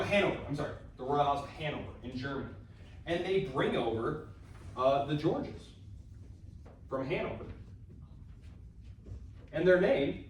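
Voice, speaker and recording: In a very echoey room, recorded from a distance with a little hiss or hum, a male history instructor with a mid-range voice gives a casual classroom lecture. His talk is chatty and informal, packed with fillers and asides.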